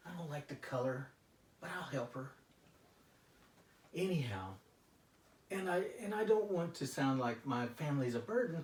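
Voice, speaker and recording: A man playing a stressed, frustrated husband and father in a therapy role-play, confessional and halting in his delivery. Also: mid-range voice, natural voice. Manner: halting, hesitant, confessional, with frequent trailing phrases. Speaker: therapy client. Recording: echoey room, distant mic, faint noise.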